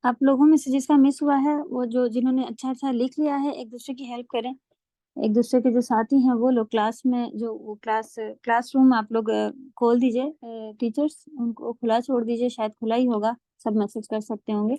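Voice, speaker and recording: A woman teaching an online Quran recitation class, repeating sounds slowly for her students to copy and mixing in English words. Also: fairly high pitch, steady tone, mellow, dry recording, studio quality. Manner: mixes English words into speech. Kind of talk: online tajweed lesson.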